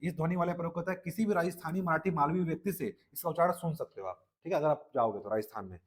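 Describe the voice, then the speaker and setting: A man's voice: fairly high pitch, fast. Man teaching Hindi with a Chhattisgarhi accent. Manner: repeats "ठीक है" and quizzes listeners. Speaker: exam-prep Hindi teacher. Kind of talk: classroom lecture.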